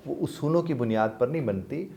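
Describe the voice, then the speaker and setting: A man's voice: mid-range voice, animated, warm tone. A man, a life coach and trainer, patiently explaining with polite forms of address to his listeners.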